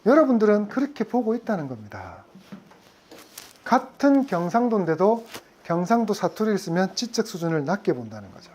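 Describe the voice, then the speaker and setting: Woman lecturer, animated pitch, quizzes the room constantly. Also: normal speed, slight background noise. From Gyeongsang region. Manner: asks the audience frequent questions. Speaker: insurance sales lecturer. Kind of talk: lively classroom lecture.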